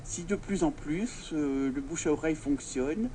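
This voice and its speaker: A man's voice: fairly high pitch, a little slow, mellow, poor audio. A man giving hesitant, piecemeal interview answers as a local association member inside a church. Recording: church interior with background noise.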